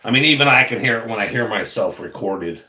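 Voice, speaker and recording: Man, lower-pitched, bright forceful voice, mixed American accent with slight Southern twang, easygoing rambling live-stream banter, roomy echo. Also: animated, fast. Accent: mixed American with a light Southern country tinge. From United States, lived in several regions. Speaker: live stream co-host reading viewer comments. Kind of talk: casual live chat.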